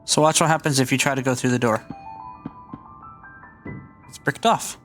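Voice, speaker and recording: A man's voice: mid-range voice, steady tone, moderate pace, a bit bright. Guy doing lets-play commentary, explains stuff as he goes, music in the back. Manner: chatty, explaining as he plays. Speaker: gaming channel host. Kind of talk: casual game commentary.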